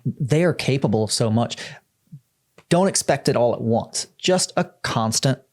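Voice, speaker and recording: A man at an ordinary middle pitch, co-hosting a casual podcast. He speaks earnestly and with emphasis, driving home his points and checking in with "right?". He speaks as a dog trainer. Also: animated, unhurried, a little mellow.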